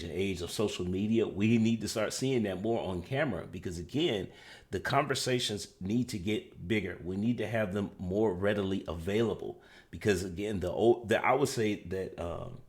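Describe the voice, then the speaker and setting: A man on a discussion panel, explaining his view in a measured way and steering the talk back on topic. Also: deep voice, a little mellow.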